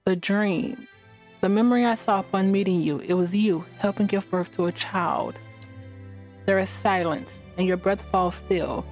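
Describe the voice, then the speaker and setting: A woman reading a fantasy game's text aloud during a let's play, with halting restarts and short reactions of her own. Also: medium pitch, a little mellow, lo-fi sound, faint music behind.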